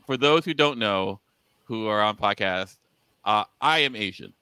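A man chats casually as a podcast co-host, his voice bright and forceful. His tone is smooth and clean, recorded close and dry. He tells stories animatedly, laughing and restarting his sentences. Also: lowish voice, expressive, measured pace, no echo, poor audio. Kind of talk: casual chat.

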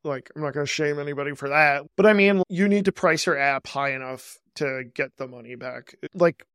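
A man hosting a podcast, chatting casually with quick asides and a dry, self-aware sarcastic streak. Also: on the high side, fairly bright tone, clear, resonant tone, no echo. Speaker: podcast host.

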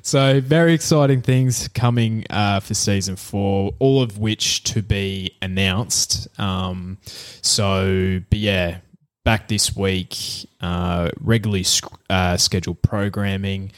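A man's voice: sits low, steady tone, slow, smooth. An Australian man hosting a casual podcast, chatting in a blokey, slangy way. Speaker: podcast host. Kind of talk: casual banter about horse racing betting.

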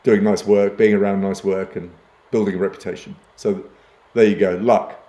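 This advertising executive, an older man raised in Uganda and Kenya, talks as a guest on a podcast interview with a fairly low, warm, level voice at a moderate pace. The sound is reverberant, and he frequently restarts sentences while poking fun at himself.

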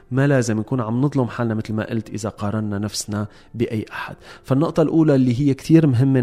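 A man's voice: on the low side, warm tone. A man with a Levantine Arabic accent hosting a motivational explainer, speaking directly to listeners in an instructive, emphatic way. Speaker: host of a self-help series.

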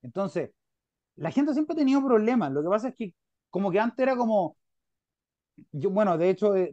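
A man's voice: high-pitched, dry recording. Young Chilean man, podcast host on a dry, dull call line, chatty and rambling. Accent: Chilean Spanish. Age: young adult. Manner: rambling, filler-heavy, animated. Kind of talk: casual conversation on a video call. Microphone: video call.

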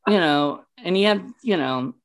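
A man recapping a film in relaxed conversation, talking in loose, meandering sentences full of fillers. He keeps breaking into laughter as he retells his favorite lines. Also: high-pitched, unhurried. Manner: rambling, many fillers, laughs at the jokes he retells. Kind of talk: casual chat recapping a movie.

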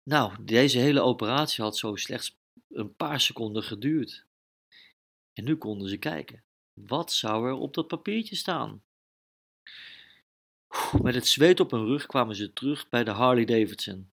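Lively man telling a children's story. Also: mid-range voice, measured pace, gravelly, pauses often. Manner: lively, dramatic, sound effects.

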